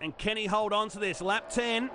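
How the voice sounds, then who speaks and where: Roaring car noise surrounds a high-pitched male motorsport commentator. He gives live play-by-play in short, punchy, excitable bursts. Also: normal speed. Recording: loud race car engine noise. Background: racing cars and trackside ambience.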